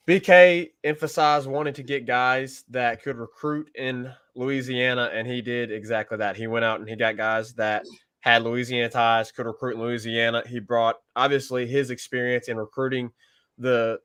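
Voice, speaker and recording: A man's voice: medium pitch, fairly even intonation, normal speed, fairly bright tone, clear, resonant tone. A man co-hosting a sports show, giving confident, upbeat opinions in casual chat. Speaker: co-host.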